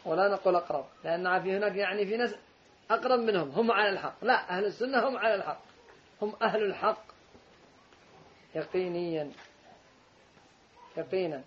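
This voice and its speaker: Brief: emphatic male teacher, high voice, rapid delivery, muffled lo-fi recording with faint background hum. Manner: emphatic, interjects corrections. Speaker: teacher commenting on a text. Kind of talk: religious lesson commentary. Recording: dull lo-fi recording with faint room noise.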